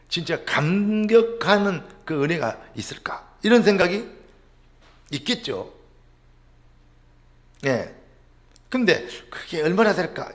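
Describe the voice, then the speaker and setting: Delivering a sermon, this middle-aged pastor asks rhetorical questions, then abruptly sinks into a low murmur.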